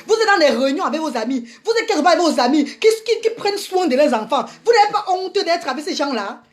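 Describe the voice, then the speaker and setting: Fiery, high-voiced woman scolding viewers. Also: big pitch swings, quick pace, soft background music. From Africa. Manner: indignant, repetitive scolding with many restarts; addresses viewers as "maman" and "mes amis". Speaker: vlogger. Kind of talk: impassioned ranting monologue.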